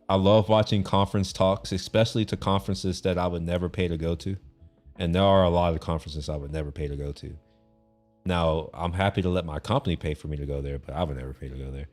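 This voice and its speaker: A young man from Texas with a deep, low voice talks casually to his stream audience. He rambles, often restarting his sentences and tossing in swear words. Faint guitar music plays behind him. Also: a little mellow. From Texas, USA. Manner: rambling, loose and conversational, with frequent restarts and swearing. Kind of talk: casual chat.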